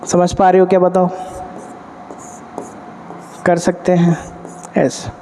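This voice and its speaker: A man's voice: sits high, monotone, slow, slight background noise. A male physics teacher lecturing at a board, quizzing students with repeated questions and answering them himself. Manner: addresses students warmly as 'beta'. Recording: long hall reverb.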